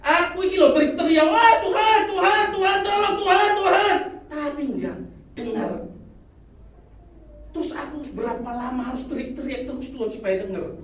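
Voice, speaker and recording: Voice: high-pitched, normal speed, a little hiss or hum, voice pushed up, close to an everyday voice. A preacher voicing a desperate male prophet who cries out to God again and again, in a sermon. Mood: pleading, desperate. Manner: shouting, pleading, repetitive cries. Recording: echoey hall, distant mic.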